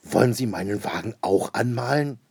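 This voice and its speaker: A man voicing a fat, cigar-smoking rich gentleman who speaks in slow, breathless raptures. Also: lowish voice, lively intonation, creaky, breathy edge, dry recording, heavily acted. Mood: breathless delight.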